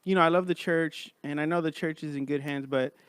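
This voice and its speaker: A man hosts a podcast in casual, buddy-to-buddy talk. His voice sits a little high for a man and is recorded dry, with no room sound around it. He speaks informally, like he's chatting with close friends. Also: steady tone, fairly quick, fairly bright tone, clean tone, dry recording. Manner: informal, says man and bro often. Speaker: podcast host. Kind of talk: casual chat.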